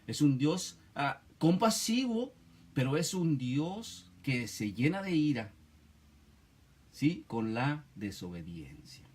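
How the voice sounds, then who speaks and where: A male preacher with a slightly raised pitch leads a Bible study sermon. He talks in short, emphatic bursts, repeating his points and tagging nearly every phrase with a question to the listener. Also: darkish tone, breathy edge. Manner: constant tag questions, emphatic and repetitive.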